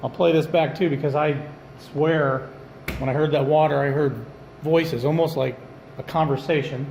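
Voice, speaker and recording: Higher-pitched man ghost hunting in echoey rooms. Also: steady tone, normal speed, creaky, a little mellow. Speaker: amateur paranormal investigator. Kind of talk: self-narrated ghost-hunting vlog. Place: indoors, empty public restrooms and office. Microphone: phone or handheld camera. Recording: echoey room, background noise.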